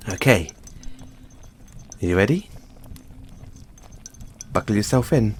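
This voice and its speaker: With an eager mood, this medium-pitched male performer takes on the role of an excitable, affectionate mad scientist boyfriend in an audio roleplay, theatrically coaxing the listener. Slight background noise is audible.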